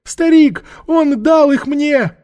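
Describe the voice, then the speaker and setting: A man's voice: extremely high pitch, takes it slowly, a little mellow, pitched above the performer's own voice. A man doing a shrieking old nomad hag. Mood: shrill whining. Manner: whining, shrieking. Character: shrill hysterical old nomad hag, female.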